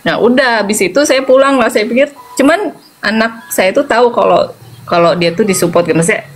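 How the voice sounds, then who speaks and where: A woman in her forties, a mother, telling a story in a casual interview, acting out the quoted lines and laughing often. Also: brisk. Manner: animated, acts out quoted lines with sharp pitch jumps, laughs often.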